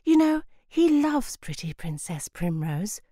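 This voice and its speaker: A woman voicing a patient mother who speaks calmly and evenly. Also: mid-range voice, no room sound, studio quality, voice pushed up. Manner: patient, measured. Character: patient, calm mother of two boys.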